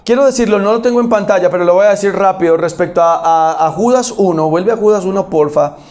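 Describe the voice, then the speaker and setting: A man's voice: sits high, fast, darkish tone. A man, preaching a sermon as pastor in a church auditorium, emphatic and full of rhetorical questions.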